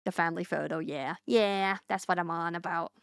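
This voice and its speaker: A woman's voice: on the low side, steady tone, normal speed, vocal fry, clear, resonant tone, no echo, studio quality. A woman streamer chatting casually with her viewers, rambling with lots of fillers and restarts.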